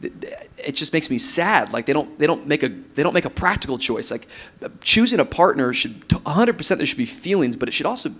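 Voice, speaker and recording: Animated pastor man on a stage panel. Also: a little high, fast, breathy edge. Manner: animated, laughs while mimicking couples. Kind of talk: conference panel talk. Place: large room with audience on stage.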